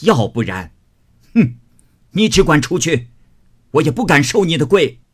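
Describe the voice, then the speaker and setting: A man voicing a stern, scornful old matriarch who scolds and commands her grandson, in a husky voice. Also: medium pitch, unhurried, pitched above the performer's own voice, lightly acted. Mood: scolding.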